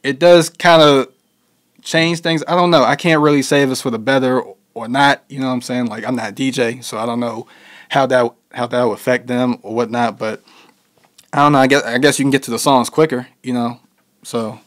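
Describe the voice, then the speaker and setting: A young man talks through an interview in an easygoing, unhurried way. His answers wander and loop back, padded with "you know" and "like". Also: mid-range voice, fairly even intonation. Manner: laid-back, heavy with fillers like "you know". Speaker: interview guest, musician. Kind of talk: casual interview conversation.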